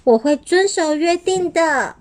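A woman voicing a small, gentle young dinosaur in a storybook, pleading and stammering. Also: very high-pitched, lively intonation, unhurried, pitched above the performer's own voice.

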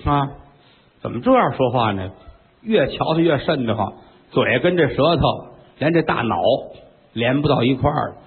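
A man's voice: mid-range voice, expressive, normal speed, a little hiss or hum, natural voice. A man voicing an ugly but clever, fierce queen who scolds imperiously. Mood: scolding. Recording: tinny lo-fi recording with long reverb.

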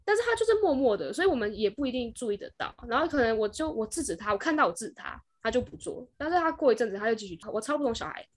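A young woman with a Taiwanese Mandarin accent chats on a podcast in a quick, brisk rush. Her voice sits a touch high. She tells her stories with animated energy and briefly acts out the people in them. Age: young adult. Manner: animated storyteller who briefly acts out kids and parents. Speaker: podcast co-host. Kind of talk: casual chat.

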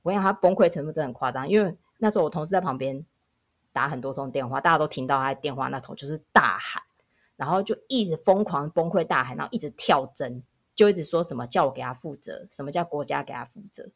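Woman, public health nurse, low voice with fry, lively emphatic storyteller. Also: fast. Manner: animated, emphatic anecdote telling. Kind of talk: casual podcast storytelling.

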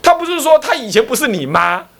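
A man's voice: very high voice, fairly quick, creaky. A man with a Taiwanese Mandarin accent, a Buddhist abbot giving a dharma lecture and acting out the dialogue in his stories. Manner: animated storytelling, acting out dialogue between characters. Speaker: Buddhist abbot teaching a class.

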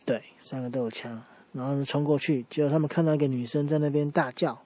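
A man's voice: medium pitch, fairly even intonation, quick pace, a little mellow, no room sound. A man telling an improvised children's story to a young listener, explaining patiently and answering questions as he goes.

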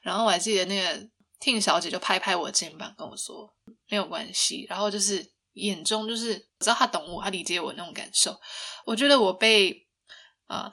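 Bright-voiced chatty woman. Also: medium pitch. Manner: chatty, laughs often, asks listeners rhetorical questions. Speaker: podcast host. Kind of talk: casual personal storytelling.

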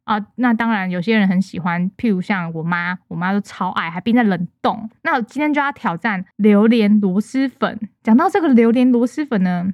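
A young adult woman hosting her own podcast, telling stories in an animated, chatty way. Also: medium pitch, a little fast, hardly any pauses, dry recording, lo-fi sound. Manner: chatty, animated storyteller, playful complaining. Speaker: podcast host. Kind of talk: casual solo podcast chat.

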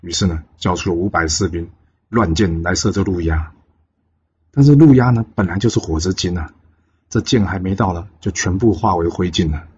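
A man telling a legend in a lively way, with exclamations and drawn-out filler particles. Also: low-pitched, slight background noise. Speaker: storyteller. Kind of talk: oral storytelling of a legend. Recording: dull lo-fi recording.

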